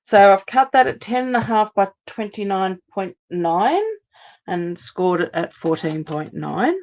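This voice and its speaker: An Australian woman, a little hoarse after laryngitis, chats through a live step-by-step card-making demonstration at her craft table. Her medium-pitched voice is unhurried and gives steady instructions. The recording sounds muffled.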